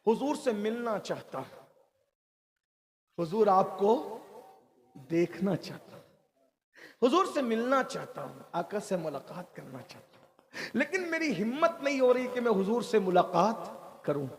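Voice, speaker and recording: A man's voice: sits high, big pitch swings, a little slow, long pauses, exaggerated voice. A man voicing a remorseful young grave robber who pleads and confesses through tears. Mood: pleading.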